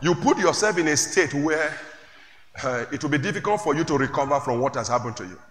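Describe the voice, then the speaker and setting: A pastor delivers a sermon in a big reverberant church hall, his voice bright and sharp against a faint hum of room noise. He preaches in call-and-response, throwing questions at the congregation and climbing into shouts. His voice sits a little high for a man. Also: lively intonation, a little fast.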